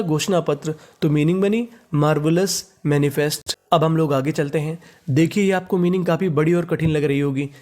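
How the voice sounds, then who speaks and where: Guy teaching english words, spells them out, keeps asking what do we read, kinda high voice. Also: darkish tone. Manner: repeats each word and asks "what do we read?".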